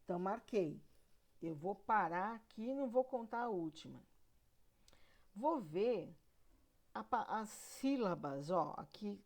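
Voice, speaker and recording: A woman's voice: mid-range voice, animated, unhurried, pauses often. A female literature teacher with a Brazilian Portuguese accent giving a recorded lesson, explaining step by step, counting syllables aloud and checking in with her students.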